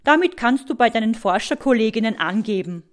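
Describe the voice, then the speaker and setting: A woman's voice: a little high, lively intonation, a little fast, close to an everyday voice. A woman voicing a little old armored dinosaur. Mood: proud. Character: small shy old male armored dinosaur.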